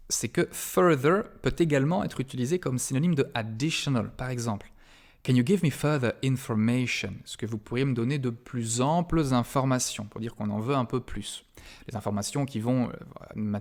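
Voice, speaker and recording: A man teaching a recorded grammar lesson in a mid-pitched voice. He explains patiently, pauses on fillers, and draws out the words he wants students to remember. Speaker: university English grammar lecturer.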